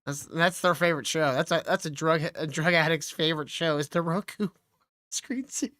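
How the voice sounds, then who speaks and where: A woman's voice: low voice, normal speed, a bit bright. A woman co-hosting a comedy podcast, joking in crude, casual banter and swearing freely. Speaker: podcast co-host.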